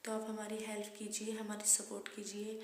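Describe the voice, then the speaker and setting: A woman's voice: medium pitch, monotone, fairly quick, a little mellow. A woman vlogger speaking to camera, making an earnest, pleading appeal for help and support. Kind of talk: monotone direct-to-camera appeal. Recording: echoey room.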